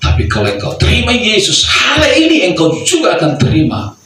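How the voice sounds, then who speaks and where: A man's voice: sits high, wildly swooping pitch, fairly quick, pushed and bright, faint music behind, voice pushed up, heavily acted. A man preaching who acts out the apostle Peter as blunt and impatient, talking back in an exasperated way. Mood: earnest. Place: church hall. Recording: echoey hall, voice from far off.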